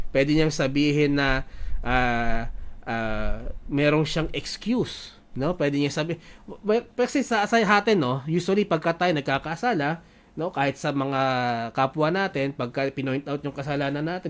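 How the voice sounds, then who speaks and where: Filipino man preaching in Taglish. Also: fairly high pitch. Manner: Taglish preaching with frequent tag questions, reads scripture aloud. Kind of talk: sermon.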